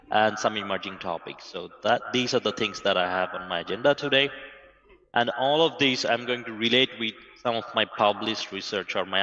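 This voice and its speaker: A man from Bangladesh, a guest academic presenter, delivers a conference talk remotely over a video call. His fairly low voice explains things steadily and plainly, with an occasional "uh". It sounds as if he's in a large hall, and the highs are cut off.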